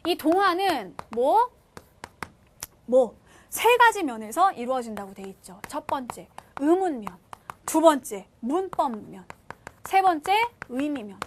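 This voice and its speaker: Woman, teacher, high voice, very animated intonation, lecture, asks and answers own questions. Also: measured pace, slight background noise. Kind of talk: lecture to high school students.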